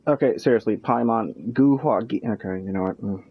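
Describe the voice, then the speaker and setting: A man's voice: lowish voice, moderate pace, gravelly, narrow, tinny audio, a little hiss or hum. A male streamer giving sarcastic, joking commentary over a game. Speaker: gaming streamer. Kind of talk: casual commentary over gameplay.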